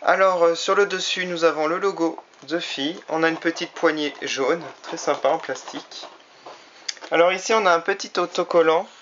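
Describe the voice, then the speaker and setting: A man's voice: a little high, fairly even intonation, moderate pace, fairly bright tone, slight background noise. A man casually reviewing a toy he bought, chatty and often hesitating with fillers. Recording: slightly dull lo-fi recording.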